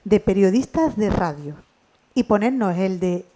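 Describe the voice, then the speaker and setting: A woman's voice: medium pitch, expressive, a little slow, dark tone, slight background noise. A woman, a podcast co-creator and radio journalist, explaining step by step in a casual radio interview. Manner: explains step by step, finishes co-host's sentences.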